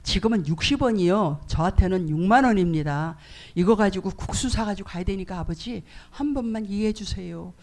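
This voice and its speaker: A woman playing a poor, desperate father who haltingly pleads with God in prayer during a sermon story. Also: mid-range voice, darkish tone, close to an everyday voice. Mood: pleading.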